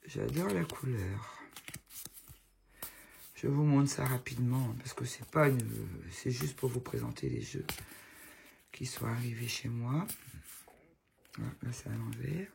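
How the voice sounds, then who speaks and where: Slow, gravelly-voiced woman with a cold. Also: very deep voice, a little mellow, a little hiss or hum. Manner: chatty, fond, gushing over the items. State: has a cold, voice affected. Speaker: tarot channel host. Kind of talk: casual show-and-tell chat to viewers. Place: at home.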